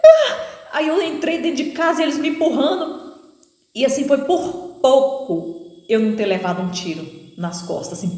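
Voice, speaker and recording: A Brazilian woman preacher giving an emotional spoken testimony, retelling it in an animated way with many fillers. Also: medium pitch. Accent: Brazilian Portuguese. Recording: echoey room with long reverb.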